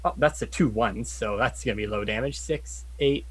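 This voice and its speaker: A man's voice: mid-range voice, normal speed, slight background noise. A man chatting casually as a player in a tabletop game, often counting up his dice aloud.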